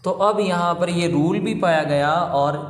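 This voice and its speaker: Slow, patient male recitation teacher. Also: sits high, roomy sound, long reverb tail. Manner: slow, patient, repeating letters and drilling sounds. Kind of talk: step-by-step tajweed lesson.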